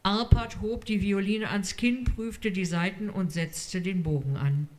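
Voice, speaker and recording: Slow, measured woman reading a story. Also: mid-range voice, fairly even intonation, a little mellow. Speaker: reader. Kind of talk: literary reading aloud.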